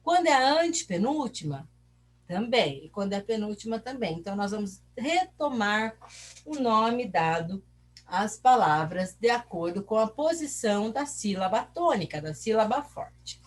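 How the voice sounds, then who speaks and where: Speaking in a sing-song, mid-range voice at a moderate pace, a Brazilian woman with a Brazilian Portuguese accent teaches a recorded class. She explains the material by raising questions and answering them herself, lengthening syllables along the way.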